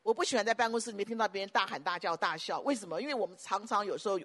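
Racing along in a mid-range voice, a female pastor preaches with fervor, repeating phrases over and over and suddenly exploding into loud outbursts.

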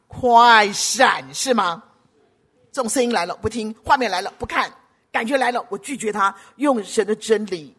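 A pastor preaching a sermon, emphatic and full of rhetorical questions, swinging between loud urging and hushed asides. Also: medium pitch, slightly rough.

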